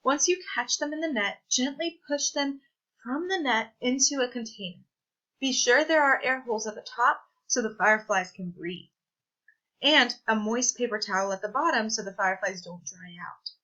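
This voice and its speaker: In a somewhat dull, lo-fi recording, a woman presenter reads a children's science book aloud. Her voice is very bright and forward, sitting a little high, and she phrases everything deliberately, much like a teacher.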